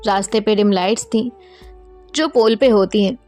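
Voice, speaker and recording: A woman reading a scripted story in a plain, steady storytelling manner. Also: mid-range voice, normal speed, faint music behind.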